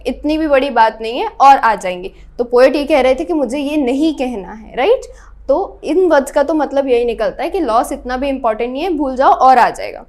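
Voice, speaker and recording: A woman English tutor with an Indian accent, mixing Hindi and English as she reads poem lines slowly and explains them. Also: high-pitched. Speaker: English teacher. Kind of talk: online tuition lecture.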